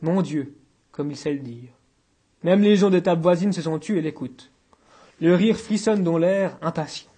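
Man narrating audiobook, measured literary reading, high voice, dark husky timbre.

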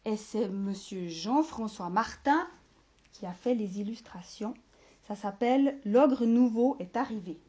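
A woman reading a picture book aloud to listeners in an expressive way, dropping now and then to whispered asides. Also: medium pitch, a little slow, husky.

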